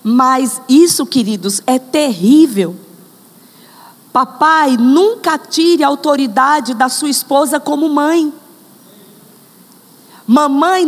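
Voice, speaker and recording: A woman preaches a sermon in a high-pitched voice with a long reverb tail. She speaks straight to the congregation and acts out examples.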